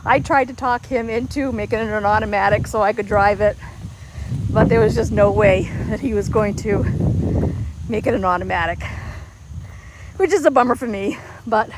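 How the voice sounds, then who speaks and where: A woman's voice: medium pitch, moderate pace, pauses often, heavy background noise. A woman chatting casually on a livestream while walking outdoors, a bit winded, rambling and laughing easily. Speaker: livestream host.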